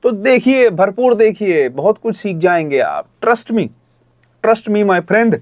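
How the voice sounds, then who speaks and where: A voice-over coach with a slightly high voice gives direct, friendly critique. He switches into lively demonstration reads now and then. The sound is close and dry. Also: slow pace, no room sound. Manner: friendly, direct feedback, switches into energetic demo lines. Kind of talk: reviewing recordings, with demonstration reads.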